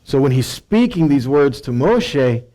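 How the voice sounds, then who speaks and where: With big pitch swings in a mellow, mid-range voice, a man unhurriedly delivers a sermon framed as a conversational Bible lesson. His manner is emphatic, and he quotes and paraphrases dialogue while checking in with listeners through rhetorical asides.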